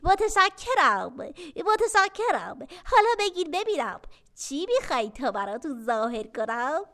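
A boastful magic hat with a showy, theatrical voice, as a woman storyteller puts it on. It stretches its words out grandly, swoops high and low in an animated sing-song, and makes a fuss about every request. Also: full character voice. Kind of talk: children's radio storytelling.

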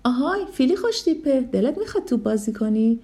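A woman's voice: high voice, very animated, dark tone. A woman voicing a big, boastful bully boy elephant in a children's storybook, speaking in a taunting, cocky way.

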